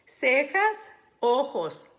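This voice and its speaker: A woman teaching a phonics lesson to young children, saying words slowly and syllable by syllable, and often clearing her throat. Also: high-pitched, huge pitch swings, a bit bright. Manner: slow, deliberate, syllable-by-syllable delivery.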